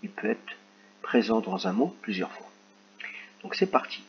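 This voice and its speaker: A man teaching a recorded phonics lesson to young children, dictating words slowly and clearly. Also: fairly low pitch, sing-song, lo-fi sound, a little hiss or hum. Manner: slow, carefully articulated word dictation.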